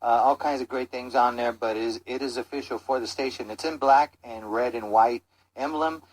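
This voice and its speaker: A man's voice: mid-range voice, fairly even intonation, normal speed, rough recording. A man on a live radio show, making an enthusiastic pledge appeal and daring listeners to call in. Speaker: radio co-host. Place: radio studio.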